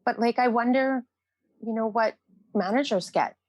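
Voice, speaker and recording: A woman's voice: fairly high pitch, moderate pace, no echo. A woman from Canada speaks in earnest about her nursing work, often circling back over her phrases as she hunts for words. The sound is dry and close, with no room around her voice. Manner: earnest, repeats phrases while searching for words. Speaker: nurse guest. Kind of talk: podcast interview, personal reflection.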